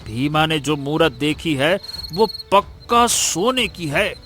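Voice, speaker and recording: A man's voice: sits high, bright, forceful tone, exaggerated voice. A man voicing a greedy, boastful male villager in a cartoon story, who is cowardly underneath and stammers when caught out. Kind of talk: cartoon voice acting.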